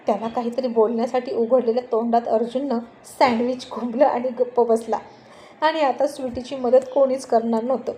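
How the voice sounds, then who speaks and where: A woman's voice: fairly high pitch, dark tone. A woman narrating a family story expressively, as a storyteller.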